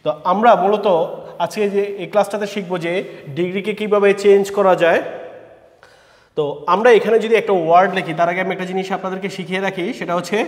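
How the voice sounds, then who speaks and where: A man teaching a grammar lesson, explaining slowly and spelling words out letter by letter. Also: high-pitched, steady tone. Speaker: English teacher. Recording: echoey room with long reverb.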